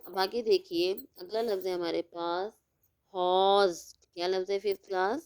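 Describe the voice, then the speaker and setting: A woman's voice: medium pitch, fairly even intonation, darkish tone, clean tone. A woman teacher giving a recorded lesson, asking the class questions and then answering them herself. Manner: stretches out words slowly when spelling. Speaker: school teacher.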